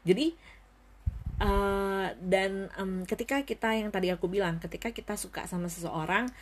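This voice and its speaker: A young woman talking casually to her viewers in a reflective vlog, often dropping English phrases into her speech and pausing to think. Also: medium pitch, a little hiss or hum. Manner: thoughtful, pauses with many fillers. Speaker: vlogger.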